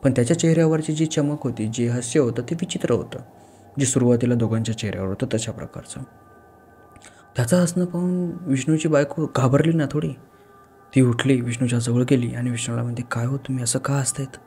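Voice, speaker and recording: A man's voice: medium pitch, a little fast, mellow, slight background noise. A man narrating a horror story in a conversational way, often speaking straight to the listener. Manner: conversational, addresses the listener directly.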